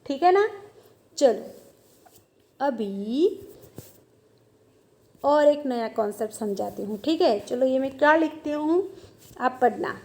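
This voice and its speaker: A woman's voice: high-pitched, lively intonation, slow pace, long pauses, darkish tone. A woman teaching a grammar lesson, asking questions and answering them herself, repeating each point.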